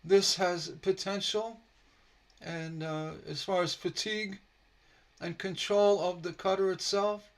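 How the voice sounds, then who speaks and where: On a casual live stream picked up by his computer mic, a man teaches stained glass in a high, slow voice, slightly hoarse from a sore throat. He's relaxed and rambling, with many fillers.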